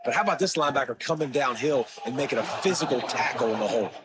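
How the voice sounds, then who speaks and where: A man's voice: mid-range voice, lively intonation, quick pace, noisy background, lightly acted. An American man working as a color commentator, explaining football plays in an emphatic, conversational way. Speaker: color commentator, former defensive player. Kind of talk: conversational football analysis for a sports game broadcast. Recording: music behind the commentary.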